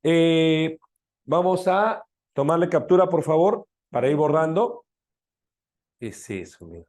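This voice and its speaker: A man's voice: on the high side, lively intonation, measured pace, darkish tone. A man with a Peruvian accent teaching a live language class, teasing his students and often asking them to confirm they follow. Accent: Peruvian Spanish.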